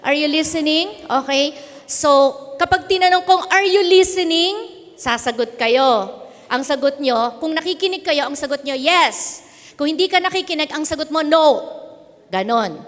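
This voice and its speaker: A woman's voice: sits high, lively intonation, normal speed. A woman with a Filipino accent preaching an interactive sermon to young people, teasing and quizzing her listeners. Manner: playful, teasing, quizzes the audience. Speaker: youth pastor. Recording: long hall reverb.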